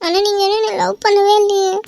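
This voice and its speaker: A woman voicing a jealous, emotional young wife in a cartoon, who pleads through tears and turns sharp and possessive. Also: extremely high pitch, flat delivery, moderate pace, gravelly, dry recording. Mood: sulky, teasing. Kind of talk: amateur cartoon voice acting.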